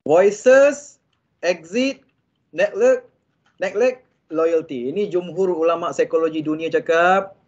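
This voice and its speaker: A man with a Malaysian accent delivers a religious motivational talk, calling out to his listeners and dropping English phrases into his points. His voice sits on the higher side. The recording is muffled and lo-fi. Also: slow pace. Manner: animated, mixes English phrases, often addresses audience directly. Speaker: motivational speaker at a staff talk. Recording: dull lo-fi sound.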